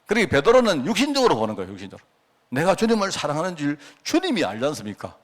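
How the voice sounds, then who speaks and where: Animated male pastor preaching. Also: fairly high pitch, very fast. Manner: preaching with constant rhetorical questions. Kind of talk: midweek church sermon.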